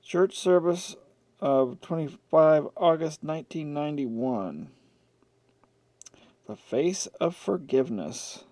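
His voice a little high and his pace slow, an electronics repair channel host mutters offhand, casual remarks to himself as he works with his hands. There's no room sound; the camcorder mic by his indoor workbench captures steady background noise along with clicks of handling.

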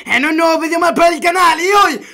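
Young man, Spain Spanish accent, high-pitched, bright and sharp, gaming commentary, excitable, swears, loud outbursts. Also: fast. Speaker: gaming YouTuber.

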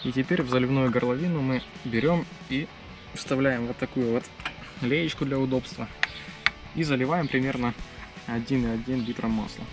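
A man's voice: mid-range voice, moderate pace. A young man chatting casually for a motorcycle vlog in blunt, slangy speech, recorded outdoors on an action camera. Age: young adult. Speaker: motorcycle vlogger. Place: outdoors, on a moving motorcycle and in a yard. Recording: loud music over outdoor vlog audio. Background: loud music.

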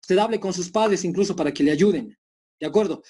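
A Bolivian man teaches over a video call in a firm, lecturing tone, slipping into quick acted-out exchanges. His voice sits high and sounds a little husky. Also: mellow. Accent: Bolivian Spanish. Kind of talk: online class lecture.

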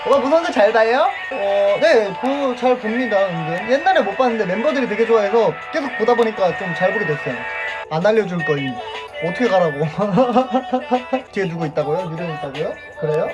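A man's voice: high-pitched, lively intonation, a little fast. A young man in his twenties hosting a casual live stream, reading viewer comments aloud in a playful way and laughing often. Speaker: idol band member hosting a solo live stream. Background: music playing.

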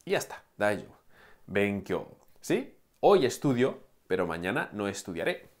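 A man's voice: lowish voice, sing-song, normal speed, a little mellow. A man explaining a grammar lesson in a chatty way, asking the listener "¿no?" again and again and chuckling now and then. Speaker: Japanese teacher. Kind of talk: lively classroom explanation.

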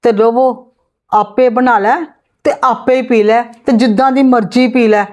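Fed-up overworked daughter-in-law, lecturing and indignant, fairly high voice, played by a woman for a family skit. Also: fairly even intonation, measured pace, darkish tone, close to an everyday voice. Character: overworked, fed-up young wife arguing with her in-laws.

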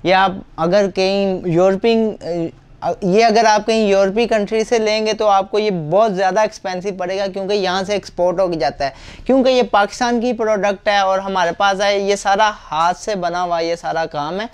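A young Pakistani man, a shopkeeper giving an eager, teleshopping-style sales pitch for bargains in his shop. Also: steady tone, moderate pace, clean tone. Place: inside a busy homeware shop. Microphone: clip-on lapel mic.

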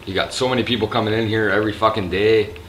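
Tipsy raspy-voiced man rambling in a room. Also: on the low side, fairly even intonation, fast talker, a bit bright, a little hiss or hum. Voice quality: raspy throat. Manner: rambling, profane, loose. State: a little drunk. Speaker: vlogger. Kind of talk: casual vlog monologue. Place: resort hotel room. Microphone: handheld camera. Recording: echoey room with faint ambience.

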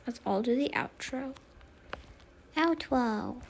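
A woman's voice: sits high, expressive, a little slow, slight background noise. A woman hosting a role-play gaming video, playful and chatty, with whispered asides as she narrates. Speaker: gaming channel host. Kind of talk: Roblox role-play commentary.

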